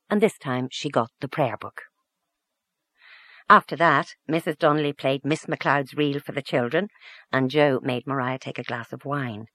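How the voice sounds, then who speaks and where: An audiobook reader giving a measured, gentle narration of a literary short story. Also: medium pitch, dry recording.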